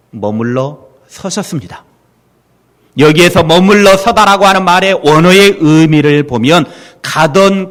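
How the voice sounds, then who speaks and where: A man preaching a sermon as pastor, animated, leading the congregation in repeating phrases. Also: fairly high pitch.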